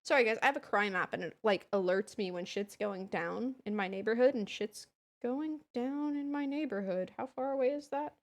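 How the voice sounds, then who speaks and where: A woman's voice: fairly high pitch, moderate pace. A woman streaming a story game, chatting casually, mocking herself and swearing freely. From Los Angeles area. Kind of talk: casual gameplay commentary.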